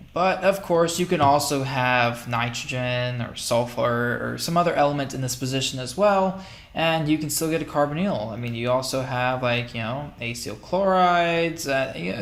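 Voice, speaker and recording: A man giving a casual recorded chemistry lecture over slides, relaxed and thinking aloud with fillers and small self-corrections. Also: a little high. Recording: roomy echo.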